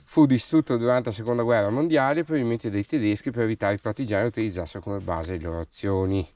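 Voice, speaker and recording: A man's voice: on the low side, fast talker, a little mellow, no echo. A man with a Venetian Italian accent giving casual, colloquial commentary as he guides viewers around an outdoor site, with regional dialect expressions. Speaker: urban explorer vlogger and guide. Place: outdoors in windy hills and abandoned ruins.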